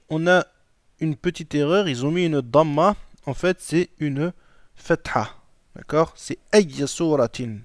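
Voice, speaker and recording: Male teacher, slightly high voice, dry close mic, patient lesson delivery. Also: a little mellow, no echo. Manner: checks in with "d'accord?" often. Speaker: Arabic teacher. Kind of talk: explaining a lesson.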